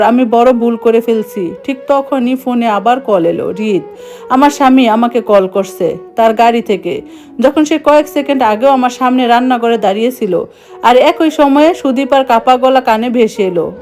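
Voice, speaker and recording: A woman telling a suspenseful first-person story in an even, hushed narrating voice. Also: fairly high pitch.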